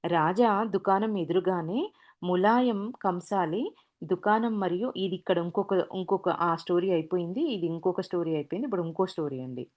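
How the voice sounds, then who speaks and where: A woman's voice: on the low side, normal speed, dull audio. A woman casually retelling anecdotes as a storyteller, with frequent restarts and fillers.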